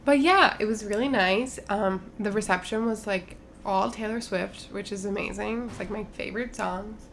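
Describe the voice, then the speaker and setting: A young woman co-hosting a laid-back podcast, her voice edged with vocal fry. She chats loosely, peppering every thought with fillers. A faint low ambience sits under the recording. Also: normal speed, a bit bright, a little hiss or hum. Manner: chatty, lots of fillers and "like". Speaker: podcast co-host. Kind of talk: casual chat.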